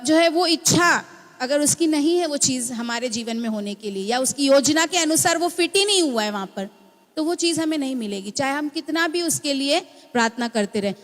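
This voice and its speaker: High-voiced woman preaching in a church hall. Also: lively intonation, brisk. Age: young adult to middle-aged, mother of a small child. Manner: teaching, asks the congregation "है ना?" often. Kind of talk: sermon. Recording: long reverb of a church hall.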